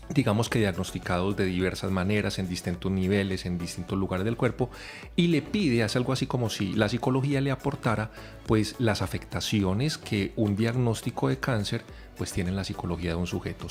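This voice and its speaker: A man's voice: fairly low pitch, a little mellow. A man, a psychologist and lecturer, explaining at length as a podcast guest, with frequent hesitations. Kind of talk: radio podcast interview.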